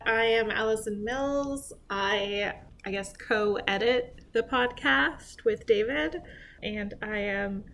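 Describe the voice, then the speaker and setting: A woman's voice: mid-range voice, slow pace, gravelly, a bit bright, a little hiss or hum. A woman guest on a podcast, explaining things in a dry, matter-of-fact casual chat.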